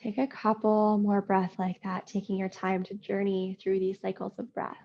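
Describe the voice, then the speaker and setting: A woman yoga teacher leading a slow guided practice, soothing and unhurried with long pauses. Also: mid-range voice, monotone, muffled recording, slight background noise.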